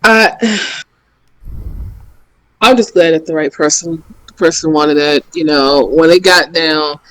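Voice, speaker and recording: A man co-hosting a podcast in casual chat, animated and swearing, often acting out reactions. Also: a little high, measured pace, low-quality recording. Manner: animated, profane, slips into impressions. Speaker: podcast co-host.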